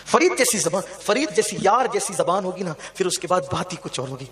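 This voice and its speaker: A man's voice: sits high, lively intonation, background noise. A man preaching a devotional sermon, telling stories with passion and asking the audience rhetorical questions.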